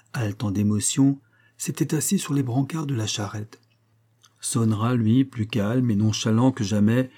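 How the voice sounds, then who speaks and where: Male reader of a classic story, measured and expressive, warm, mellow tone. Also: medium pitch. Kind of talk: scripted narration of a classic tale.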